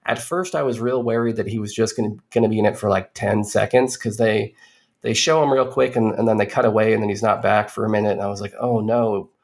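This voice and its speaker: On a podcast, a man reviews a movie in a low, gravelly, darkish voice, talking fast but keeping a steady tone. He rambles, restarts sentences and tosses in dry, sardonic asides.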